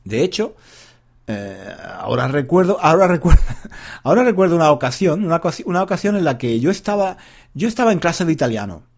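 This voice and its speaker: A male Spanish teacher talks in a loose, chatty monologue with a somewhat high voice. His pitch swings widely as he speaks straight to his listeners. He wanders off topic and chuckles at himself when he loses his thread. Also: big pitch swings, brisk. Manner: addresses listeners directly. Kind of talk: casual rambling lesson monologue.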